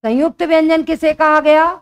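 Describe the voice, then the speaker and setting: A young adult woman teaching a grammar lesson for exam preparation, explaining slowly and repeating her key points. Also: high voice, fairly even intonation.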